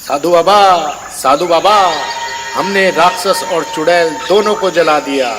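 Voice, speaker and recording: A man voicing an anxious, excitable villager in a horror storybook tale, pleading in his manner. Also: a little high, measured pace, music in the background, close to an everyday voice. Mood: agitated. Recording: long reverb, clear background noise.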